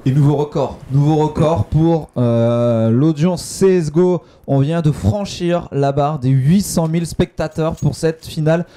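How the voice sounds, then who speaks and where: A man giving live esports commentary in an excitable announcer style, repeating phrases for emphasis. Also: a little high, unhurried, hardly any pauses.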